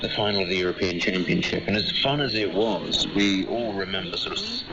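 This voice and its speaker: A man giving measured, carefully qualified conversational commentary as a panel guest over a video call. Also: low voice, very noisy. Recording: muffled video call, voices behind.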